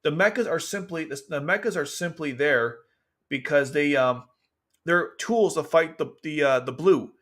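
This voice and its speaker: A man commentating casually on a livestream, reading an article aloud and reacting to it with excited, exasperated outbursts. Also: a little high, normal speed.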